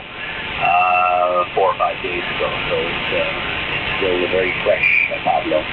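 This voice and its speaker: A man talking as an amateur radio operator over a radio transmission. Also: deep voice. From Canada. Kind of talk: ham radio contact talk. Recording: muffled radio link, loud static noise.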